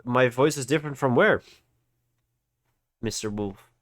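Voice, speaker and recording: A man with a mid-range voice hosts a casual live trading tutorial, speaking at a measured pace. Congested from hay fever, he teaches informally and often checks that listeners are following along. It's a voice-over on an online livestream.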